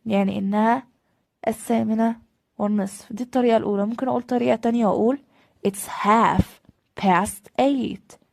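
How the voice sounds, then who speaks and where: A woman with an Egyptian Arabic accent teaching a beginner language lesson, quick in her explanations and slow and drawn out on the model phrases. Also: fairly high pitch, steady tone, gravelly, darkish tone, no echo, studio quality. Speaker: English teacher.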